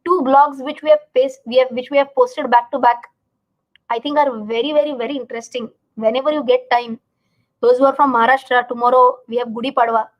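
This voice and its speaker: A woman's voice: sits high, steady tone, fairly quick, poor audio. A woman with an Indian accent explaining informally on a live stream like a teacher, repeating words for emphasis and checking that listeners follow. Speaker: finance educator hosting a live market explainer.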